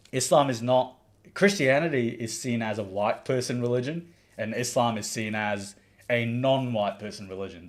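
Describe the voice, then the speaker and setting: This livestream host from the Maldives has a voice on the low side. He offers earnest, opinionated commentary, reads viewer comments aloud, and restarts himself often.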